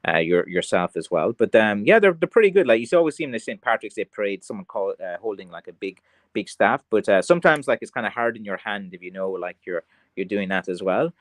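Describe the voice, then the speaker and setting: Low-voiced man with a mild Kerry accent. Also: expressive, quick pace, no room sound. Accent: Kerry, west of Ireland, mild. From County Kerry, Ireland. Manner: rambling, tongue-in-cheek. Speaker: craftsman streamer selling blackthorn sticks. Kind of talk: casual livestream chat, answering viewer comments.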